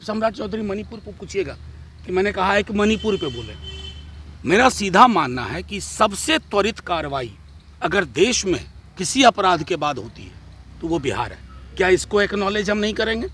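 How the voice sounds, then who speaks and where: A sharp-edged, high-pitched man fields reporters' questions as a party spokesperson. His delivery is combative and laced with sarcasm, and each rebuttal comes out pointed and biting. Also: animated, normal speed, slight background noise. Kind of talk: press statement to reporters.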